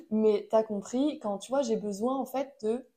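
A woman's voice: a little high, expressive, slow, mellow. A woman giving a casual motivational talk in French, chatty and addressing the listener directly, with frequent fillers.

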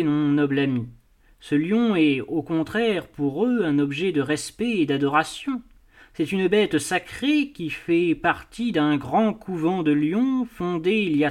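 A man reading a courteous, smooth-talking prince. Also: fairly high pitch. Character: suave courteous male prince, smooth talker. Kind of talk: audiobook dialogue reading.

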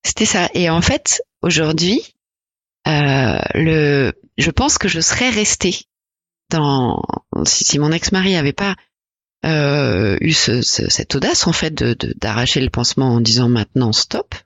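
A woman in her forties from France, a podcast guest talking reflectively and hesitantly about her life, with many pauses and fillers. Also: deep voice, animated, no room sound. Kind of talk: personal interview conversation.

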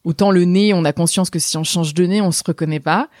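A woman's voice: on the low side, fairly even intonation, fairly quick, darkish tone, no echo, clean studio sound. A woman speech therapist answering interview questions in a thoughtful, explanatory way.

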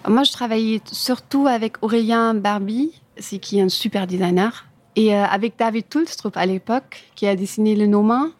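In a mid-range, darkish voice at normal speed, recorded with no room sound, a woman answers casual interview questions about her own career. She is a furniture designer from Germany, a native German speaker with a German accent who uses imperfect French and often searches for words.

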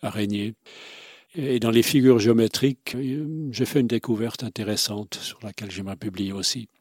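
A man's voice: fairly low pitch, moderate pace, a little mellow, husky, no echo, clean studio sound. A man telling travel stories as a guest, enthusiastic and expansive, with frequent hesitations. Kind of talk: conversational storytelling.

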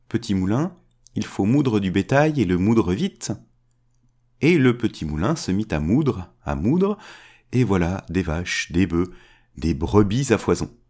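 A storyteller with a dark tone reads a fairy tale aloud, shifting his pitch to give each character a distinct voice.

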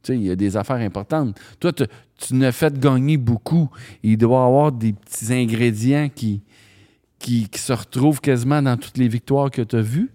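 A man hosts a podcast, speaking at a middle pitch. He prompts his guest with easy questions and chimes in with quick agreement. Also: dark tone. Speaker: podcast host. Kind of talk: casual interview chat.

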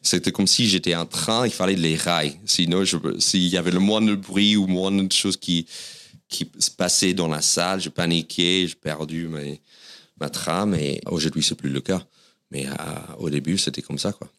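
A man's voice: low voice, steady tone, moderate pace, a bit bright. A man with an American accent, whose first language is English, speaking French as a comedian guest on an interview podcast and telling his stories in a self-deprecating way. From United States.

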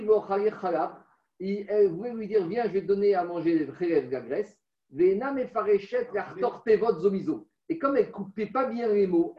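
High-voiced man teaching a text class. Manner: chants text aloud, then explains with stories. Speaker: religious teacher. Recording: roomy, distant, dull recording.

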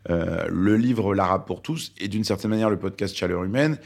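This is a Lebanese man in his forties, a native Arabic speaker, appearing as a journalist guest in an interview conversation. His deep, gravelly voice moves at a normal speed, and he speaks thoughtfully with many hesitations.

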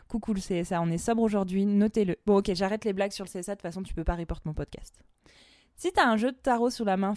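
A woman's voice: medium pitch, warm tone, no room sound, studio quality. A woman hosting a tarot podcast in a casual, playful way, slipping English slang into her talk. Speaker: podcast host and tarot reader.

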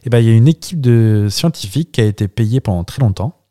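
A man's voice: medium pitch, lively intonation, quick pace, dark tone. A man co-hosting a podcast, chatting casually and cutting in with teasing quips. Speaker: podcast co-host. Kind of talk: casual chat.

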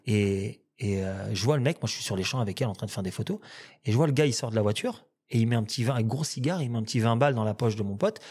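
A French man telling rambling, animated stories in casual conversation, with many restarts. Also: on the low side, fast talker, breathy edge. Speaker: restaurant owner and guest. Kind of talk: casual storytelling chat.

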